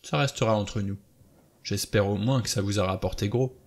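A man's voice: lowish voice, moderate pace. A man doing a cool, mocking adventurer. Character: cool, mocking adventurer Lombard, self-assured.

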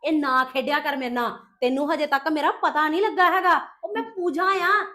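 A woman's voice: high-pitched, fairly quick, bright, forceful tone. A woman acting a scheming young wife in a family skit, talking in a taunting, scolding way. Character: scheming young wife Pooja, boastful and sharp-tongued. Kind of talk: scripted family drama.

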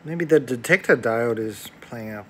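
Demonstrating electronics at his workbench in a small indoor room, a hobbyist presenter offers casual, hands-on commentary. He speaks at normal speed in a medium-pitched, slightly bright voice, with slight background noise.

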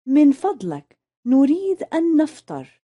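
A woman, carefully repeating lesson phrases one by one in a clear, scripted way. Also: high voice, wildly swooping pitch, unhurried, highs cut off. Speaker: language lesson speaker.

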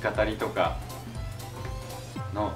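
A man's voice: on the low side, flat delivery, slow, echoey room, recorded from a distance, music in the background, rough recording. A man co-hosting a casual chat, giving brief cheerful replies. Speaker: YouTube director, co-host.

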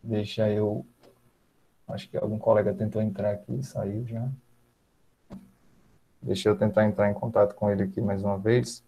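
Mellow-voiced man moderating a video call. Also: on the low side, normal speed, long pauses, a little hiss or hum. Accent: Northeastern Brazilian Portuguese. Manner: relaxed, frequent fillers like "né" and "tá". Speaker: event moderator. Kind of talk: casual webinar moderation. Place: small room at home. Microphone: earphones, video call.

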